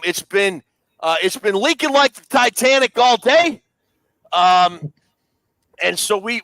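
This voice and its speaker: A man hosts a casual sports talk show with a voice that sits a little high. The sound is dry and close. He steers the chat and needles his co-hosts with pointed questions. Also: pushed and bright, dry recording. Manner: leads the discussion, teasing and quizzing co-hosts. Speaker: podcast co-host.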